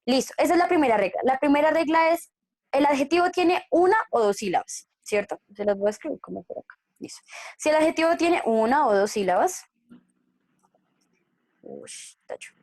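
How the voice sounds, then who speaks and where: A woman's voice: high-pitched, lively intonation, fairly quick, darkish tone, dry recording. Woman English teacher, patient and questioning, online class, dry computer mic. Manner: patient, checks understanding with frequent questions. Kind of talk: online class explaining grammar.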